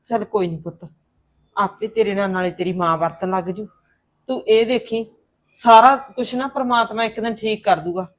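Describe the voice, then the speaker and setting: An actress playing a kindly older aunt who calmly consoles her niece in a Punjabi drama. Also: mid-range voice, moderate pace, natural voice. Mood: consoling. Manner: soothing, consoling.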